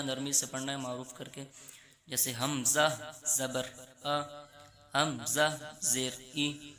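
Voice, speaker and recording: A man teaching a children's Quran reading lesson with a Pakistani Urdu accent. He explains each rule, then slowly chants the syllables. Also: medium pitch, pushed and bright, reverberant.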